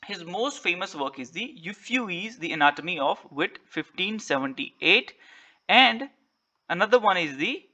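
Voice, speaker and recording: A man's voice: high-pitched, expressive, unhurried, sharp tone, highs cut off. A man with an Indian English accent teaching an online exam-prep lecture, switching between Hindi and English and checking in with "right?" as he explains. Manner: mixes Hindi and English, explains patiently with repeated "right?" and "ठीक है".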